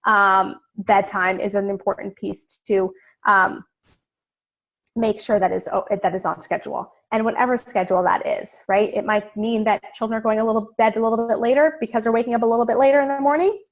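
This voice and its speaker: A woman psychologist giving parents advice in an informal webinar, speaking in a calm, reassuring way with many "um"s and "right?"s. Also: a little high, fairly quick.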